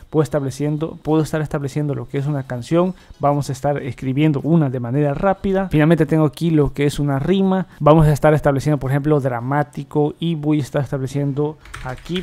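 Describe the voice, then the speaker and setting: A man hosting a software tutorial, explaining each step as he clicks through, often repeating set phrases. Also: on the high side. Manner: repetitive, filler-heavy demo talk. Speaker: tech tutorial host. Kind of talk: screen-recorded software tutorial.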